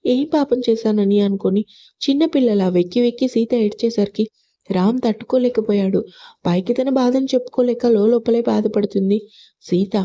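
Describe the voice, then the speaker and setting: Woman narrating a story, very dark mellow voice, kinda lo-fi. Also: a little high, normal speed. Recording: lo-fi audio.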